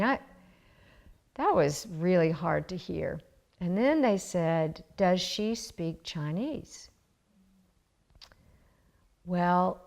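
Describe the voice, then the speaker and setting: A woman, an adoptive mother, telling a personal story in an interview in a reflective, measured way with pauses. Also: fairly low pitch, gravelly, darkish tone.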